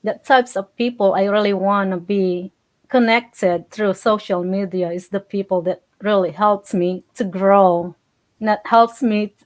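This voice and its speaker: A woman from the Philippines hosting a casual livestream talk, chatty, with many fillers. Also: mid-range voice. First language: Filipino. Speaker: host.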